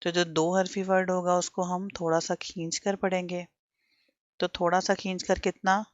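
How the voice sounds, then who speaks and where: A woman's voice: on the low side, level tone, normal speed, dry recording, lo-fi sound. A woman teaching Quran letter sounds step by step, asking questions and having learners repeat after her. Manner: patient, drills learners with repetition and questions.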